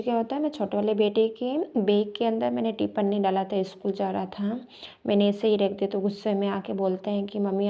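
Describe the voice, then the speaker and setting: A middle-aged woman giving a halting devotional testimony of thanks, with many restarts and fillers. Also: mid-range voice, gravelly, muffled recording.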